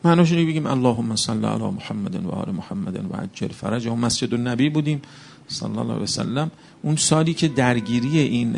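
A man's voice: mid-range voice, creaky. A man preaching a religious sermon, speaking with passion and firing off rhetorical questions to the congregation.

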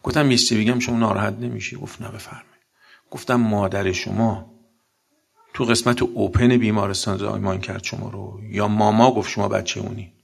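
A man's voice: lowish voice, steady tone, vocal fry. A man giving a blunt sermon, telling combative anecdotes and acting out the dialogue.

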